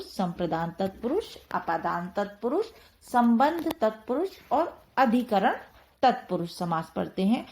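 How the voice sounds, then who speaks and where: A woman teaches Hindi grammar in a slightly high voice. She speaks slowly and methodically, and she repeats each key term as she builds the explanation step by step. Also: darkish tone.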